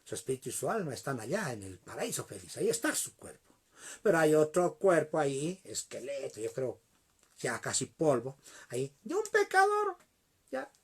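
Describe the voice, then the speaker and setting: A man preaching a sermon, telling a story in an animated way and addressing the congregation directly. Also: on the high side, normal speed, breathy edge.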